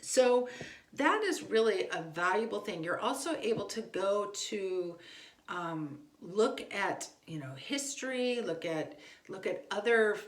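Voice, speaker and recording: A middle-aged homeschool instructor gives an informal instructional talk in a slow, expressive, medium-pitched voice. She speaks conversationally and repeats words for emphasis, and the recording sounds echoey and roomy.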